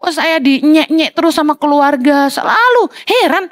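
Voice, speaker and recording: A high-voiced middle-aged woman pastor delivers an animated sermon. She slips into whiny mock prayers to poke fun at them. The sound is dry and close. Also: normal speed, dry recording. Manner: animated preaching, mimicking petty prayers in a whiny voice.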